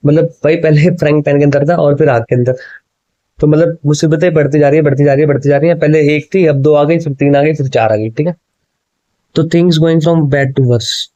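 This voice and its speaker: A man's voice: on the high side, steady tone, normal speed, warm tone, no room sound, lo-fi sound. Guy doing exam prep, keeps saying thik hai, dry close mic sound. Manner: mixes Hindi and English, repeats answers, keeps asking "ठीक है?". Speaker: exam coaching teacher. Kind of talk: explaining exam questions.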